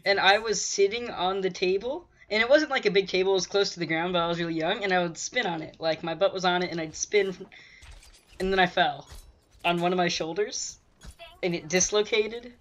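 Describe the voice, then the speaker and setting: A man's voice: high voice, a bit bright, lo-fi sound. A male co-host of a gaming channel chatting casually over gameplay, telling a story in an easygoing way with many fillers.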